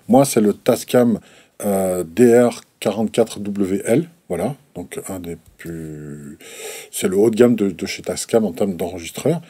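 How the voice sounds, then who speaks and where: A man with a low, mellow voice and a slightly husky edge, talking through his microphone tests. He explains things casually and stumbles over his words, with frequent restarts and fillers. The sound is dry and close, with little room around it. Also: no echo. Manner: hesitant, many restarts and fillers. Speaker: gear reviewer. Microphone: desk microphones at a distance, switched between.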